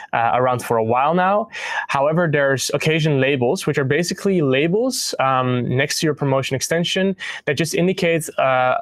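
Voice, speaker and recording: A man's voice: mid-range voice, no echo. A young man hosting a livestream, presenting product updates with frequent ums, uhs and restarts. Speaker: host of a partner news livestream.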